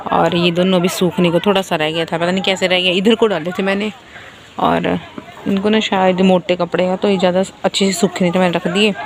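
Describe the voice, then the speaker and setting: A tired young mother talks casually into a handheld phone outdoors on a rooftop. Her voice sits in a middle pitch and stays fairly flat, with some faint outdoor noise behind it. She keeps things soft and chatty so she won't wake the baby. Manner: chatty, talking softly to avoid waking a baby. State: tired, sleepy. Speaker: vlogger, mother. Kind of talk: casual family vlog talk.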